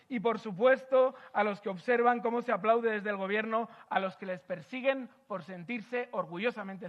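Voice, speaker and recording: A man's voice: high voice, muffled recording. A man hosting a political event, delivering an emphatic speech full of rhetorical repetition before moderating a panel.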